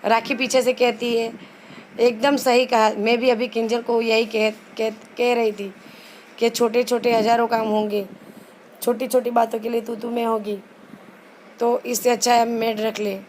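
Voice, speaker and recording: A somewhat high-pitched woman casually recaps a TV serial episode. She reads each character's lines aloud without acting them out, in a flat, even voice, and often stumbles and restarts mid-sentence. A faint hiss sits under her voice. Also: moderate pace, rough recording. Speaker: channel host recapping a TV serial.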